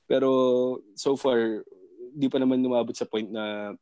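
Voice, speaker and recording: A half-Japanese man chatting casually as a guest over a video call from home, relaxed and hesitant, with many fillers and frequent laughs. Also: mid-range voice, a little slow, no echo.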